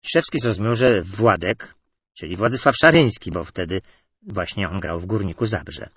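A man narrating humorous anecdotes in a lively storytelling delivery. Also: sits low, normal speed, slightly rough, dry recording, studio quality.

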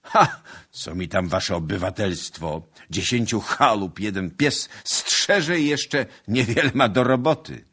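A man voicing a brash, hot-headed young nobleman in an audiobook, boastful and loud. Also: very deep voice, lively intonation, unhurried, hardly any pauses, exaggerated voice. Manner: boastful, loud and pleading by turns. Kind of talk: audiobook character reading.

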